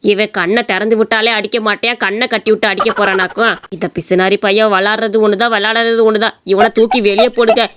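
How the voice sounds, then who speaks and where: A woman's voice: medium pitch, fairly even intonation, fast talker, few pauses, a bit bright, clean tone, pitched below the performer's own voice, natural voice. A woman voicing a grumpy old village father who scolds and scorns the young men in a cartoon story. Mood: scolding. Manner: scolding, contemptuous.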